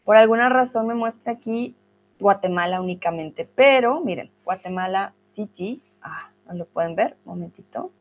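A woman with a Colombian accent teaching a live online class, friendly and encouraging, speaking slowly and clearly. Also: mid-range voice, dull audio.

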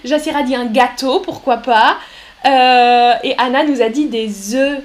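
A woman teaching a live French lesson, speaking slowly and clearly and reading out viewer comments. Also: high-pitched.

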